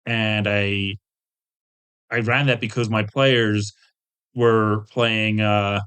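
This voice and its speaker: This man has a lowish, level, smooth voice that is a bit bright and extremely slow. As a guest in a casual interview, the tabletop game designer and webcomic artist shares meandering, self-deprecating anecdotes with joking asides.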